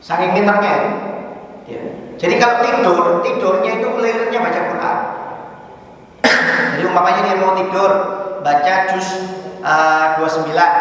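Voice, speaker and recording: Indonesian preacher in an echoey mosque hall. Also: male voice, high voice, far from the mic. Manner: storytelling with rising excitement and repeated "ya". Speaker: preacher leading a study circle. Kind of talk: religious lecture.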